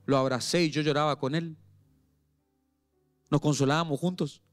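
A pastor with a Paraguayan Spanish accent preaching an impassioned sermon at a church service, swinging between quiet pleading and raised intensity. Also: male voice, a little high, steady tone, normal speed, soft background music.

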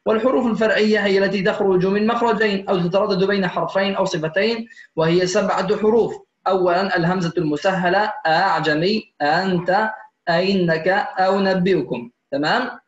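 A man teaches Quran recitation in an online class, his voice sitting high. He is patient, addresses the students as dear ones and stretches out the examples he demonstrates. The sound is muffled and roomy, like a lo-fi call. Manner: models recitation examples slowly. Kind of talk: online tajweed lesson.

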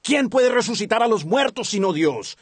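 Husky-voiced man dubbing a sermon. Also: sits high, expressive, moderate pace, no room sound. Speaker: interpreter. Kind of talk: dubbed sermon translation.

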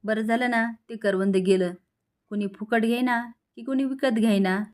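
A woman voicing a sharp-tongued, scornful middle-aged woman with a mocking manner. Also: fairly high pitch, steady tone, moderate pace, lightly acted.

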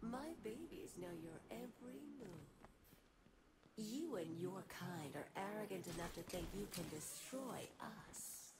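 A woman voicing a menacing villainess in a video game, calm and gloating as she threatens. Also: mid-range voice, measured pace, creaky. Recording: game audio under loud noise.

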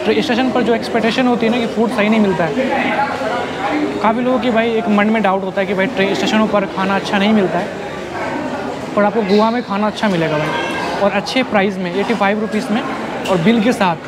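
A man's voice: sits high, steady tone, quick pace, a loud crowd. A young man in his twenties chatting casually to viewers in a travel vlog, recorded on a lapel mic at a busy railway station. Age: 20s. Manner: chatty, keeps calling viewers "bhai". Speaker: travel vlogger. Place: busy railway station platform and food court, indoors and out. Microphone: clip-on lapel mic and handheld camera. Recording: loud station noise behind.

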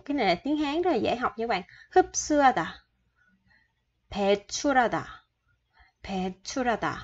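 Patient teacher woman, slightly high voice. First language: Vietnamese. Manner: patient, repeats each word, addresses viewers as "các bạn". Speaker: Korean language teacher. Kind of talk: explaining vocabulary and grammar to learners. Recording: dull lo-fi sound.

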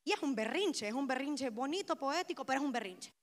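A young woman with a Honduran Spanish accent preaches a sermon at a women's conference, impassioned and rising to loud emotional peaks. Her voice is high, expressive and brisk.

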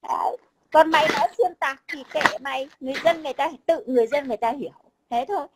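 A woman's voice: high-pitched, quick pace, background noise. A woman, talking bluntly and combatively in casual chat, swearing freely. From Vietnam. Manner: blunt, combative, swears, keeps repeating a tag word. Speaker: overseas Vietnamese guest.

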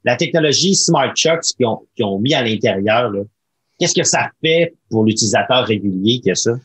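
Speaking close to an arm-mounted studio microphone with headphones on, a Quebec French-accented man in his thirties hosts a laid-back podcast with colloquial enthusiasm. His voice sits at medium pitch, animated and a bit bright, at a moderate speed.

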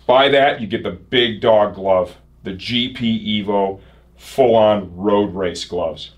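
A man's voice: lowish voice, takes it slowly, highs cut off. Upbeat male shop promo host. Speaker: host of a motorcycle gear shop show. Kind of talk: casual sales promo presenting. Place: indoor shop set.

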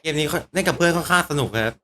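A man's voice: fairly high pitch, racing, pushed and bright. A man co-hosting a podcast in casual chat, adding information as he goes. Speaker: podcast co-host. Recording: clear background noise.

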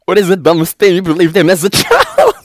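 A man's voice: high-pitched, huge pitch swings, brisk, no room sound, studio quality. A man telling crude jokes in a casual comedy clip, laughing as he talks.

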